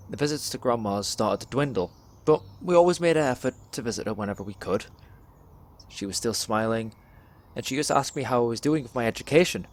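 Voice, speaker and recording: A young English man delivers a dramatic spoken word monologue with a mid-range voice, telling his story in a measured, deliberate way and pausing between phrases.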